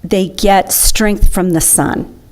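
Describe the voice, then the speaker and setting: A woman's voice: mid-range voice, fairly even intonation, slow pace, darkish tone. A woman giving an enthusiastic, chatty slideshow talk to an audience. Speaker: presenter.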